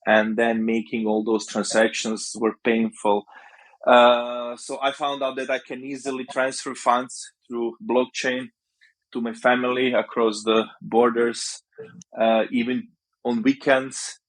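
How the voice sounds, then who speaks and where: A man's voice: mid-range voice, little pitch movement, measured pace, rough recording. A man from Croatia, a startup founder talking as a guest on a podcast, loose and storytelling with many "uh"s and "you know"s. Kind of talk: casual podcast interview.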